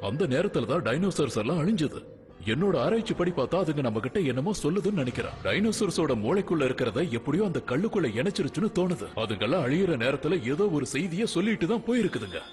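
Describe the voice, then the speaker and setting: A high, swooping voice for an excitable old cartoon professor. He lectures eagerly and boasts about his own theories. Faint music plays behind him. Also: quick pace. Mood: eager lecturing. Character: excitable older male scientist professor. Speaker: dinosaur researcher. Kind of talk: Tamil cartoon dub.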